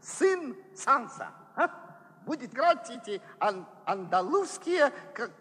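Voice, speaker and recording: An excitable, teasing sailor in a stage musical comedy. The voice is extremely high and bright, full of exclamations and broken grammar, echoing in a large hall. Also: male voice, slow pace, heavily acted. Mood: excited, coaxing. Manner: exclamatory, repetitive, foreign-flavoured broken grammar. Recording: long hall reverb.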